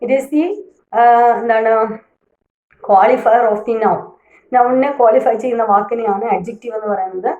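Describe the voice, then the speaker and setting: A woman teaching a language lesson, reading each rule out slowly and then explaining it at length, with an occasional hesitant filler. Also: on the high side, fairly even intonation, narrow, tinny audio. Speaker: English teacher. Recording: echoey room.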